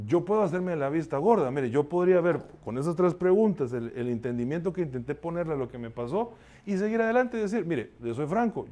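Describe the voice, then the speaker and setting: Brief: a man preaching, pastor type, slightly high voice, talks straight to the congregation and keeps asking for a response. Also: a little mellow. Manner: conversational preaching, constantly addressing listeners and asking for responses; confessional, shares his own failings. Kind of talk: sermon.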